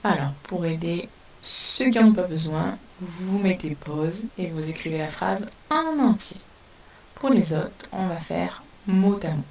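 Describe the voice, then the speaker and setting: A woman teaching a spelling lesson to young pupils, dictating words slowly and sounding out each letter. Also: on the low side, expressive, creaky, a little mellow. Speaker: primary school teacher. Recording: distant mic with faint hiss.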